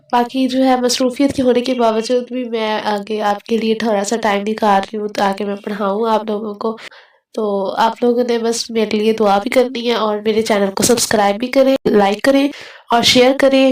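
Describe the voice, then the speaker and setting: A woman with a Pakistani Urdu accent who teaches Quran reading in an online lesson, talking with viewers in a chatty way and drilling syllables slowly. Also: on the high side, a little mellow, roomy sound, distant mic, rough recording. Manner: chatty, keeps asking viewers to comment. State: has a cold.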